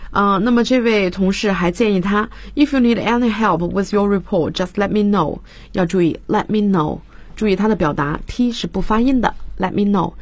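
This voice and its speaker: In a radio studio, a female English teacher explains grammar in Chinese and reads English example sentences aloud. Her voice is medium-pitched and the recording is dry.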